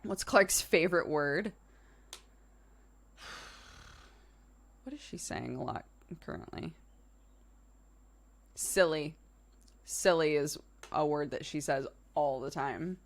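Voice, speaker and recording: A woman in her early 30s hosts a livestream, chatting informally with live viewers in a conversational way and laughing easily. She speaks slowly with long pauses, in a low-pitched, gravelly voice.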